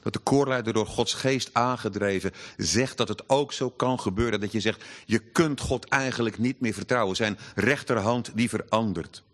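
A man preaching a sermon, earnest and emphatic, slowing down to read scripture aloud. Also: fairly low pitch, a bit bright.

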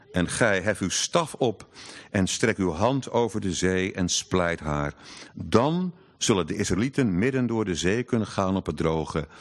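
Man preaching, lowish voice, earnest, emphatic, slows for scripture. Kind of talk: sermon.

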